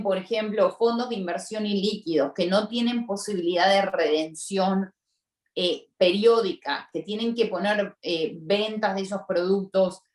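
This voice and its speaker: Casting: woman, measured explainer, roomy echo, set back from the mic. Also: medium pitch. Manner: explanatory, emphatic, repeats key points. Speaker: tax lawyer, panelist. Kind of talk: webinar explanation. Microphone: video call. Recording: echoey room, distant from mic.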